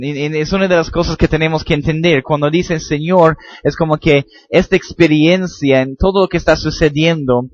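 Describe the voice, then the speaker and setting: Preaching man, higher voice, dry sound. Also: dry recording, dull audio. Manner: reads scripture aloud with rising emphasis, many repeated words and tag questions. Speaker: Bible teacher. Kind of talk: sermon.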